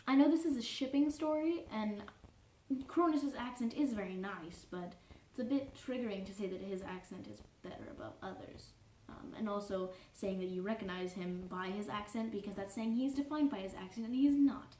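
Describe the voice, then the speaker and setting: A woman's voice: on the high side, warm tone, lightly acted. Woman playing Kankri, a prim fussy troll. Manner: pedantic, formal, constantly correcting and apologizing. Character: prim, fussy, easily offended young male troll. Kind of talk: cosplay character reading fanfiction aloud. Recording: roomy echo, distant mic, faint noise.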